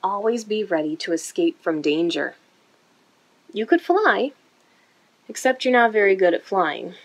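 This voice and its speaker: A woman with a husky, slightly breathy, mid-pitched voice reads a picture book to young children in an indoor room. She is expressive throughout, phrasing things with deliberate story-time care.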